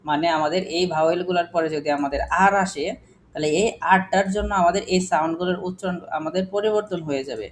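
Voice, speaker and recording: A man's voice: high voice, fast. Male teacher, phonics class, quizzing and repeating, faint noise behind. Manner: questioning, repetitive drilling of examples. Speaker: English teacher.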